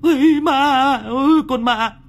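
A man's voice: extremely high pitch, slow pace, pitched above the performer's own voice. A man doing a shrieking, terrified young man. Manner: shrieking, babbling in terror. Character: panicked young man, red-haired, cowardly.

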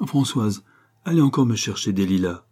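A man voicing a melancholy, lonely young lady who gives soft, pleading orders in a storybook reading. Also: fairly low pitch, expressive, moderate pace, breathy edge. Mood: sad, pleading.

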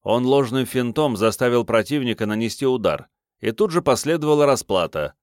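A man voicing a stern, weary male master of war who instructs his students in a measured way. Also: medium pitch, lively intonation, dry recording, studio quality, pitched above the performer's own voice, natural voice. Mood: instructive.

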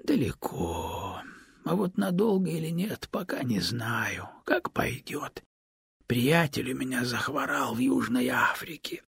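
A man reading an audiobook, voicing a sly, evasive male serpent who speaks in a low, measured and sometimes hushed way. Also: very animated, creaky, husky, no room sound, full character voice. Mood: calm, sly. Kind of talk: audiobook character voice.

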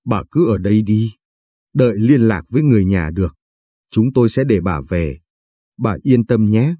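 A man reading the lines of a calm, kind female doctor who reassures her patient gently. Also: fairly low pitch, normal speed, no echo. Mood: reassuring.

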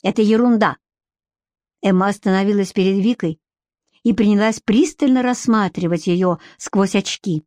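A woman narrating a novel aloud with expressive storytelling. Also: medium pitch, moderate pace, no echo, studio quality. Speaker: audiobook narrator. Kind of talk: scripted narration.

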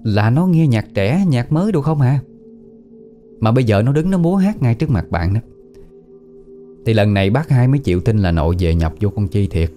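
Retelling a ghost story from his family, a man speaks plainly and conversationally in a Southern Vietnamese accent, dropping in southern colloquial words. His voice is fairly low and dark in tone.

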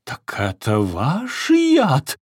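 A man's voice: medium pitch, expressive, unhurried, darkish tone, smooth, dry recording, studio quality, voice pushed up, close to an everyday voice. A man doing a theatrical menacing sleuth. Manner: dramatic, insinuating, accusatory.

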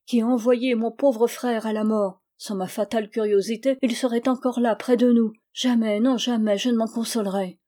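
Une femme lisant une jeune sœur éplorée. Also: female voice, on the high side, fairly even intonation, moderate pace, few pauses, warm tone, lightly acted. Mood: grieving. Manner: pleading, emotional. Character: grieving young woman, devoted sister.

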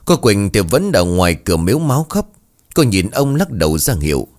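Brief: male storyteller for a ghost tale, low voice, animated delivery. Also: brisk. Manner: expressive storytelling. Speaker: narrator.

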